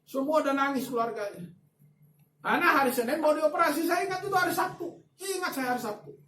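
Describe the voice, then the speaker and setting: A man preaching a sermon as a pastor, telling a story with lively swings between soft asides and loud emphatic bursts. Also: very high-pitched, quick pace, a little hiss or hum. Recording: echoey room, voice from a distance, faint ambience.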